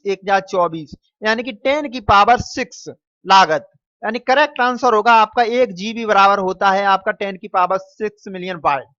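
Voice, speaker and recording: A man's voice: high voice, a bit bright. A male teacher goes through a quiz paper question by question, stretching out each answer and calling his students "dear children". He slips English phrases into his explanations. The recording is muffled and dry, with no room echo. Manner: repeats and stretches answers slowly; mixes English phrases into Hindi. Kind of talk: exam paper walkthrough lesson.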